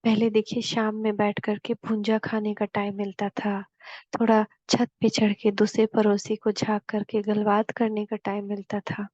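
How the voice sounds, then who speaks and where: Woman spiritual teacher, husky and flat-toned, dry and slightly dull recording. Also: medium pitch, no room sound. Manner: homely explanatory storytelling, slow emphatic repetitions. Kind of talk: devotional class explaining scripture.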